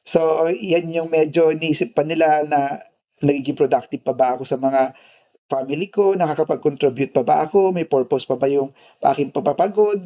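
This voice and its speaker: Filipino-accented male nursing lecturer, higher pitch, chatty, keeps checking in with his students. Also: normal speed, dark tone. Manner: tags nearly every phrase with "di ba" and "no"; switches constantly between Filipino and English. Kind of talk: casual classroom lecture.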